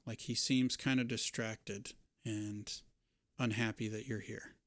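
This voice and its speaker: A man's voice: lowish voice, level tone, a little slow, no room sound. A man narrating a tabletop role-playing game as game master in a conversational way.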